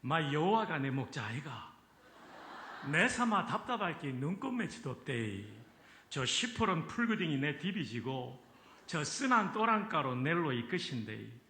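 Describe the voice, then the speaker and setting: A man voicing a blunt, rough Gyeongsang-accented man reciting a psalm. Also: on the high side, very animated, unhurried, bright, forceful tone, echoey room, slight background noise, heavily acted. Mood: boisterous. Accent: Gyeongsang dialect.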